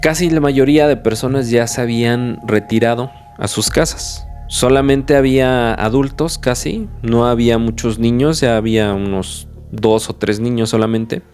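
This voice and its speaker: A man, hosting a podcast and telling a horror anecdote in a slow, measured way with frequent restarts. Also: mid-range voice, fairly even intonation, darkish tone. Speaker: podcast host. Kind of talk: horror storytelling. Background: faint music.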